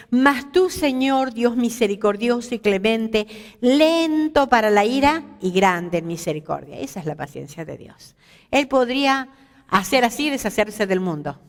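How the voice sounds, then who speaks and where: A woman's voice: mid-range voice, long reverb tail. A woman teaching a Bible lesson at a women's seminar, asking her listeners questions and joking about herself. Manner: lively, asks the audience questions, jokes about herself. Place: church hall.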